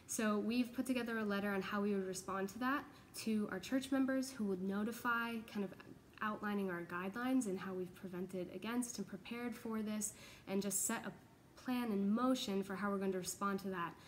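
Speaking at a normal speed with fairly even intonation, a young American pastoral associate delivers a casual, earnest video update explaining church matters. Her pitch is medium, and a little hiss or hum runs under the audio. The setting is a large open office with exposed ductwork.

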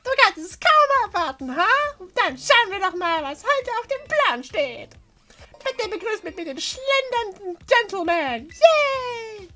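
A woman's voice: very high-pitched, very animated, measured pace, full character voice. A woman voicing a bubbly, cute young anime streamer and gym leader from a video game, with a showy, hyper manner. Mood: excited, showy. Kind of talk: dubbing video game dialogue.

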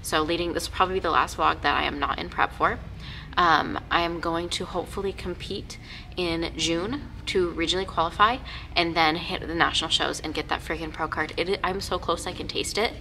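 A woman's voice: fairly low pitch, fairly even intonation, brisk. A young woman trainer talking casually to a vlog audience and explaining exercises in a gym. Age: young adult. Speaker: fitness trainer and vlogger. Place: indoors in a gym. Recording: noisy gym with loud background noise.

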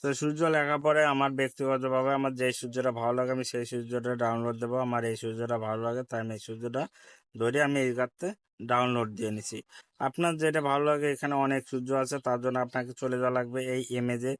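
A man with a Bangladeshi Bengali accent talks viewers through an editing app one step at a time. He keeps circling back to repeat each instruction. His voice is smooth and clear, recorded close and dry with no room sound. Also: medium pitch, little pitch movement, fast, no room sound. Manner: repetitive step-by-step instruction, addresses viewers politely. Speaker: tech tutorial host. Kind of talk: screen-recorded app tutorial.

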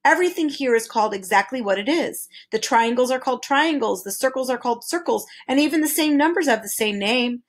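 A woman's voice: high voice, lively intonation, brisk, few pauses. A woman voicing a fussy, precise male creature with twelve faces, lecturing in a storybook reading. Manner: lecturing, pedantic, exclamatory.

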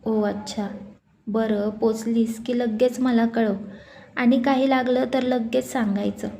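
A woman's voice: a little high, fairly even intonation, takes it slowly, gravelly, dark tone, slight background noise. A woman voicing a caring, anxious young husband on the phone. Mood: concerned.

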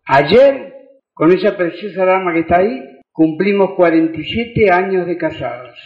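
An older man with an Argentine accent giving an emotional sermon testimony in a church, building to shouted praise. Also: sits high, lively intonation, normal speed. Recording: echoey, muffled church recording.

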